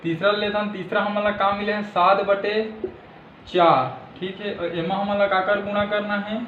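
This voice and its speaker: A man with a Chhattisgarhi accent explains a maths exercise patiently, checking in after nearly every step. His voice sits fairly high. The room is echoey and the sound is a little dull, with faint hiss. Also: little pitch movement, moderate pace. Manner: repeats "thik hai" as a check-in, addresses viewers as friends. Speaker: maths teacher. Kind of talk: step-by-step classroom lesson.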